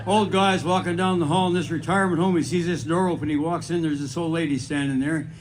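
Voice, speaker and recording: Higher-voiced old man telling deadpan jokes. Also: background noise. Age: 80s. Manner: deadpan storyteller, brisk setups, dry punchlines. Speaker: comedian. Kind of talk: stand-up joke telling. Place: stage at a live variety show.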